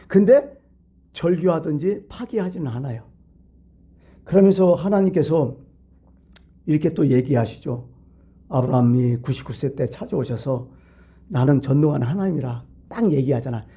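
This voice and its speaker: A man's voice: a little high, dark tone, breathy edge. A male pastor giving a midweek sermon in a church, talking to the congregation in a conversational way and asking them rhetorical questions. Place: church sanctuary.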